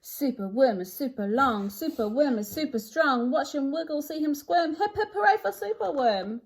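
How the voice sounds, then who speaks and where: In a high-pitched, animated voice at normal speed, a woman presents a children's picture book and reads it aloud. Her delivery is theatrical and sing-song, rhyming expressively, with a little hiss or hum on the audio.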